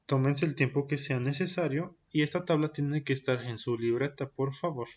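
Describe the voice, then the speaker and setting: A man's voice: medium pitch, steady tone, a little mellow, lo-fi sound. A man teaching a recorded French lesson for young children. He says each point in French, then repeats it in Spanish, and drills the pronunciation carefully. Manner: slow and deliberate, drilling pronunciation. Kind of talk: recorded primary-school language lesson.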